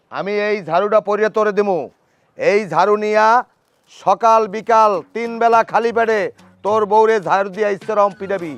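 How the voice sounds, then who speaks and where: A man's voice: sits high, no echo. A man with a Barishal Bengali accent playing a bossy fake healer who chants, in a comedy sketch. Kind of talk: comic sketch acting.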